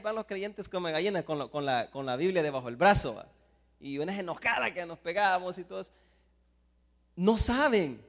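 A man from El Salvador with a Salvadoran Spanish accent, preaching a sermon, swinging between hushed asides and loud emphatic Bible readings. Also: sits high, in a large hall.

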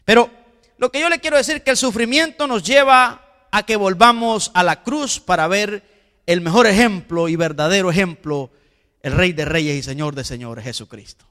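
A man's voice: sits high, normal speed, sharp tone. A man preaching a sermon as pastor, emphatic, asking the congregation rhetorical questions and repeating words. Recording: long hall reverb.

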